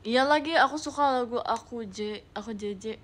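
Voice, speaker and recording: A young woman chats playfully with viewers on a live stream, reading out their messages and mixing English words into her talk. She speaks at normal speed in a fairly high, fairly bright voice.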